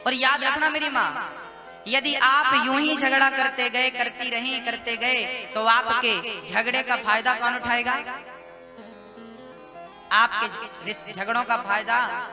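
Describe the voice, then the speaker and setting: A man's voice: very high-pitched, steady tone, slow. A man giving a folksy devotional sermon to a gathering, asking rhetorical questions and singing short couplets. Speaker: preacher. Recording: music behind the voice.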